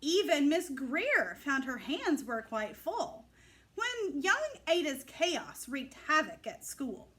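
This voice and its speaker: A woman reads a rhyming story for children in a high voice that swings widely in pitch. She takes her time, phrasing each line with clear emphasis and expression. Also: big pitch swings, slow pace, a bit bright. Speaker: storybook reader. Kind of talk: animated read-aloud of a rhyming children's picture book.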